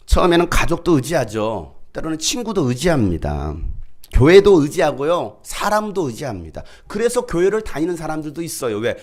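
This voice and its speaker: A man's voice: on the high side, big pitch swings, moderate pace, darkish tone. A male pastor preaching a sermon, dramatically acting out people's complaints in raised voices. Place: church.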